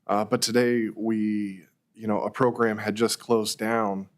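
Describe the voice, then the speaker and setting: Hoarse, even-toned man. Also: on the low side, unhurried. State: slightly hoarse, losing his voice. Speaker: nursing board member asking questions. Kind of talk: formal questioning at a public meeting.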